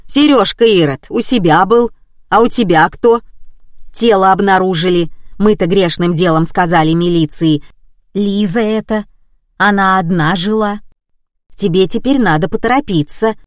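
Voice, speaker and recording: Storybook role: woman reader playing a loud, tactless old neighbour woman, blunt and gossipy. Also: mid-range voice, moderate pace, dry recording, clean studio sound, lightly acted. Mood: bossy.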